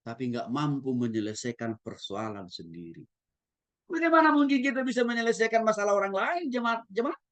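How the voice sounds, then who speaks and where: A man who is a pastor, lecturing at a Bible school in an animated way and often addressing his listeners directly. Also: high-pitched, brisk. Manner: animated, demonstrates tones of voice, addresses the audience often. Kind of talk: theology lecture.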